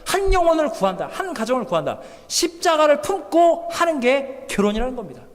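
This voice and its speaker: High-voiced animated male pastor preaching. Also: brisk. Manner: animated, voices characters in quotes, swings from loud to soft. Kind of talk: lively sermon with acted-out quotes. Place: church hall. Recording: long church hall reverb.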